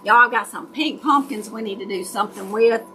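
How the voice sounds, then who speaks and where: A woman's voice: medium pitch, a little fast, sharp tone, slight background noise. A woman with a Southern US accent and folksy hillbilly way of talking, chatting and telling stories casually to livestream viewers. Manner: folksy, self-described hillbilly country talk. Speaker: craft livestream host. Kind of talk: casual chat, storytelling to live viewers.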